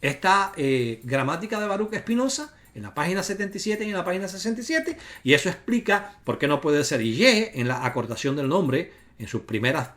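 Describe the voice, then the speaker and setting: A man gives a video lecture on Hebrew grammar, guiding viewers step by step through examples on screen. His pitch rises and falls widely as he stresses points, and he slows right down to sound out each syllable. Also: a bit bright. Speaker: Bible teacher.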